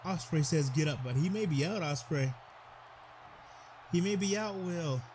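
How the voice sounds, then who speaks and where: Excitable high-voiced male game commentator. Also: measured pace, a little hiss or hum. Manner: excitable, stumbles over words, talks to the wrestlers. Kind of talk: play-by-play commentary over a video game.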